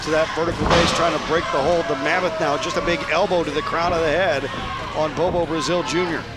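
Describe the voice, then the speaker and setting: A man's voice: on the high side, steady tone, fairly quick. A man calling live wrestling action as the play-by-play commentator, emphatic and speaking in short bursts. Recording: loud music behind commentary.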